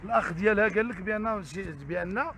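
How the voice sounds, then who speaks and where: A man's voice: high-pitched, fast talker, bright, forceful tone, slight background noise. A man with a Moroccan Arabic accent interviewing a guest, pushing with pointed follow-up questions. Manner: probing, pushes with follow-up questions.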